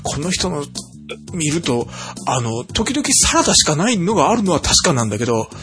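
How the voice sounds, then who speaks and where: A man's voice: fairly high pitch, sing-song, brisk, a bit bright, faint music behind. A man co-hosting a chat podcast, teasing his partner with dry jokes. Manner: teasing, dry joking asides. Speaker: podcast co-host. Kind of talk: casual chat.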